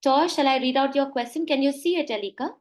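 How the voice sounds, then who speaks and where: A woman's voice: high voice, quick pace, low-quality recording. A woman moderating an online panel, polite and hesitant, reading out audience questions with many fillers.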